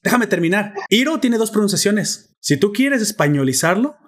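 A man's voice: sits high, very animated, normal speed. A man with a Mexican accent, hosting a podcast, in a heated casual debate where he insists and lectures his friends.

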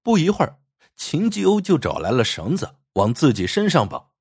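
A man narrating a folk tale as a storyteller, with a husky voice and lively, expressive delivery. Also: a little high, normal speed, no room sound, studio quality.

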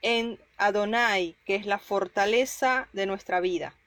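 A woman reading a psalm and preaching on it, slow and emphatic, rising on her key points. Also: mid-range voice, a bit bright, dry recording. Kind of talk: Bible reading and devotional sermon.

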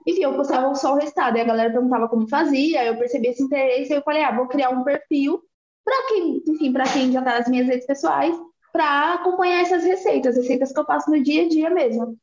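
A woman's voice: sits high, fast, a little mellow, reverberant, lo-fi sound, a little hiss or hum. A woman in her twenties from Bahia with a Bahian accent, chatting casually and laughing easily as a podcast guest. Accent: Bahian Portuguese. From Bahia, Brazil. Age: 20s. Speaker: guest, activist. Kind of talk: casual interview talk.

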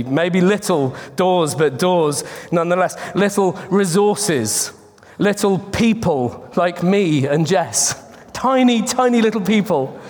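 Pastor at a pulpit microphone, high voice. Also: male voice. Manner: earnest, chatty, with frequent restarts. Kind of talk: conversational sermon. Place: church sanctuary. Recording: long reverb of a church hall.

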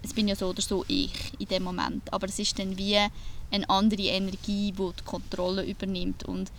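A woman's voice: mid-range voice, brisk, a little hiss or hum. A woman co-hosting a podcast, speaking reflectively and hesitantly in casual chat from inside a camper van. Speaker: podcast co-host.

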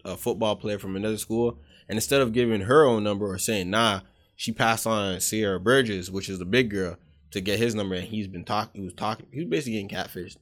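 A man's voice: fairly low pitch, fast. Young man rambling through a story. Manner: rambling storyteller, swears casually. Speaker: podcast co-host. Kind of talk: casual podcast chat.

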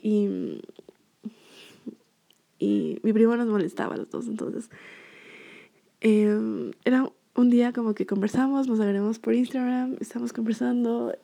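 A young woman vlogger chats through a personal story in a loose, rambling way, leaning on fillers. Her voice sits a little high with a steady gravelly fry, and the tone is mellow rather than bright. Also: measured pace, pauses often. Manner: chatty, rambling, lots of fillers. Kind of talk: casual storytelling to viewers.

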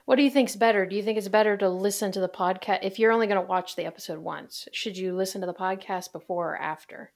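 A woman's voice: medium pitch, fast, creaky, hardly any pauses. A woman hosting a casual podcast in a chatty, jokey way, recorded inside a closet. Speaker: podcast host.

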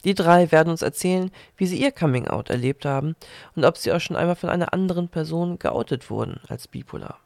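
Gravelly-voiced woman hosting a podcast. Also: deep voice, no echo. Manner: reads announcements, then asks calm questions. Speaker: podcast host. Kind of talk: scripted podcast intro and interviewing.

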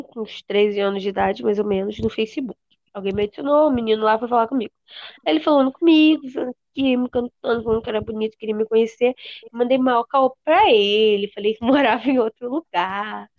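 A young woman, telling embarrassing stories in animated casual chat and acting out the quotes. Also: a little high, dry recording. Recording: dull lo-fi dry sound.

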